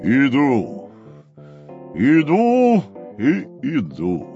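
Audio-play casting: a dreamy murmuring rhino, lively pitch, very slow. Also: male voice, heavily acted. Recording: slightly dull recording. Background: music.

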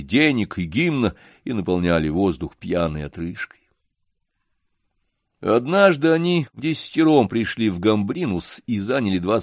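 A man narrating a story in a measured, expressive audiobook reading. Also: lowish voice, no echo, studio quality.

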